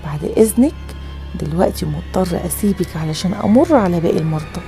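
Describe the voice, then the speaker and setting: Casting: woman reading as a soothing young Egyptian doctor, quick and mellow. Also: on the low side, animated, faint music behind, pitched below the performer's own voice. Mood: reassuring. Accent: Egyptian Arabic. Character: calm young male doctor reassuring a patient.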